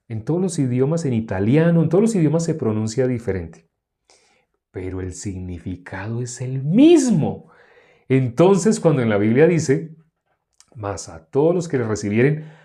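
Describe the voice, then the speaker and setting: A man delivers a sermon in a mellow, warm voice at a middle pitch. He teaches by firing rhetorical questions at the listeners. He often jumps up in pitch to stress a point. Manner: lively, emphatic swings in pitch. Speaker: preacher.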